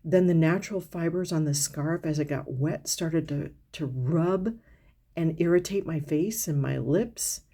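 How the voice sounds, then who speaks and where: Woman vlogger, low mellow voice, chatty perfume review, lots of ums and restarts. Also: a little slow. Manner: chatty, descriptive, with frequent fillers and restarts. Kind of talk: casual product review vlog.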